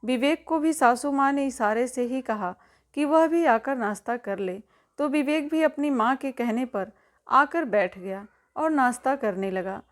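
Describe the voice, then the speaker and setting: Female storyteller, high voice, scripted narration of a family tale, reads evenly and voices the characters herself. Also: a little slow.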